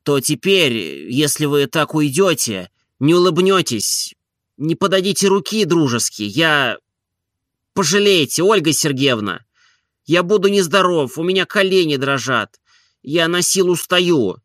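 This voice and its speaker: Oblomov, a timid pleading gentleman read by a man. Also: on the high side, expressive, no echo, studio quality, voice pushed up. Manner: slow, soft and pleading. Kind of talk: audiobook character reading.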